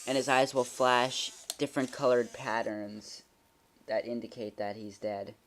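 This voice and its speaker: Toy reviewer, halting delivery, informal demo, trailing sentences, mid pitch, slight mechanical noise, handheld home recording. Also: flat delivery. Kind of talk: casual hands-on demonstration. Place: carpeted living room at home. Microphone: handheld camera held by the speaker. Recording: noisy home video with mechanical clicking. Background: robot toy motor whirring and clicks.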